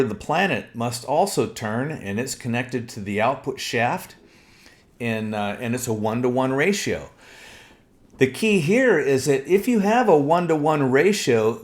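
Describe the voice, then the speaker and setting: A middle-aged man explaining a technical topic step by step as an instructor, methodical, with frequent fillers. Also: mid-range voice. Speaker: transmission instructor. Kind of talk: technical walkthrough lesson.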